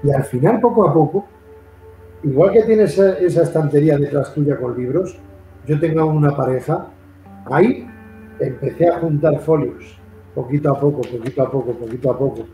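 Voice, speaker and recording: A man with a Castilian Spanish accent hosts a casual interview, telling long, repetitive stories. His voice sits a little high for a man but sounds dark and mellow. A roomy echo surrounds him, with faint guitar music underneath. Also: normal speed. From Madrid, Spain. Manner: long rambling, repetitive storytelling. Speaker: interview host. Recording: echoey room.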